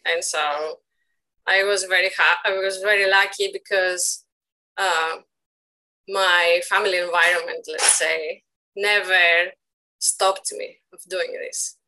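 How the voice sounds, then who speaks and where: A woman's voice: fairly low pitch, fairly even intonation, slow, pushed and bright, low-quality recording. A woman in her thirties from Greece, speaking with a Greek accent as a guest in a casual interview, thoughtful and searching for words. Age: 30s. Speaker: guest artist.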